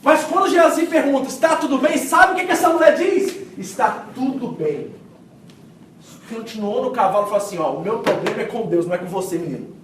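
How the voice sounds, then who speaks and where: A high-voiced man preaches, telling the story with vivid acted-out quotes and swinging from loud to hushed. His voice rings through a large echoing church hall, picked up from some distance with faint room ambience behind. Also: lively intonation, quick pace, slight background noise. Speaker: pastor. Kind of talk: sermon. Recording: echoey hall miked from a distance.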